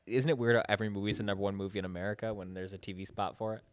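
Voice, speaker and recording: A man's voice: fairly low pitch, steady tone, rapid-fire. Blunt, skeptical young man on a podcast. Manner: skeptical, blunt, swears casually. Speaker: podcast co-host. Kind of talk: casual chat.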